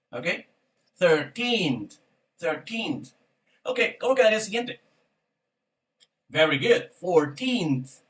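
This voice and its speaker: A man leads a language lesson at an unhurried pace, drilling the class and tossing out quick praise. His voice sits high, and he sounds somewhat distant from the microphone. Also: a bit bright. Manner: upbeat and encouraging, frequently praising and asking "ok?". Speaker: English teacher. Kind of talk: online language lesson with repeat-after-me drills.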